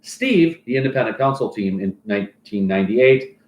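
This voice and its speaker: A man's voice: lowish voice, lively intonation, normal speed, darkish tone. A man acting as a fantasy football league commissioner, reading stats and mock sponsor plugs in casual banter. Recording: roomy echoey room.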